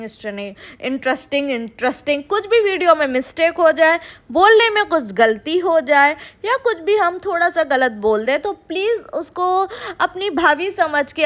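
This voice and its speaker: A woman narrating a travel vlog voice-over, talking quickly in long run-on breaths with a lively, emotional storytelling manner. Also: high-pitched. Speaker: travel vlogger.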